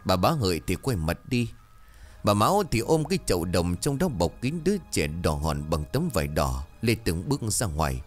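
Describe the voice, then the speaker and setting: A man narrating a horror story in a dramatic, lively storytelling manner. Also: low-pitched, moderate pace, faint music behind.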